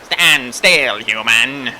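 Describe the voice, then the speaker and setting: A man voicing a hostile fantasy video game enemy who barks slow, menacing commands at intruders. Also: medium pitch, crowd noise, low-quality recording. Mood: menacing challenge.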